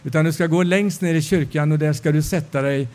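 A man's voice: a little high, fairly even intonation, darkish tone. A male preacher giving a sermon testimony, telling the story and acting out the dialogue.

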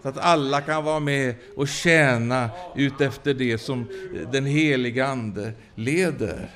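A man preaches a sermon that includes his own testimony, speaking haltingly with many fillers and restarts and breaking out in hallelujahs. His voice is mid-range with a fairly bright tone.

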